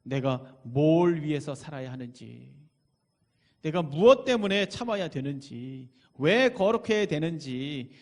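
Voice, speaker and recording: A man's voice: high voice, in a large hall. A man preaching a Sunday sermon in a church, repeating phrases for emphasis. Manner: dramatic preaching, acts out tempter's voice, repeats phrases. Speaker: pastor. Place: church sanctuary.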